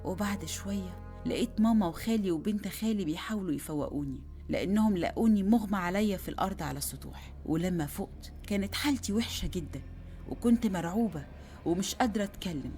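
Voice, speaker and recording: Fast-talking Egyptian woman telling horror. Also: medium pitch. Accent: Egyptian Arabic. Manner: emotional, shifting from hushed whispers to urgent outbursts. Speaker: horror storyteller. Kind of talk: dramatic first-person horror narration. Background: faint background music.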